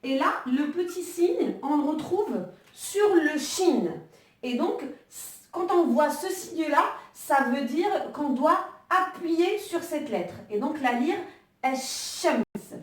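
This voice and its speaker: A woman's voice: high-pitched, expressive, takes it slowly. Woman, online language teacher, hesitant with fillers, echoey room, distant mic. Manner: hesitant, many fillers and restarts while writing. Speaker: Arabic teacher.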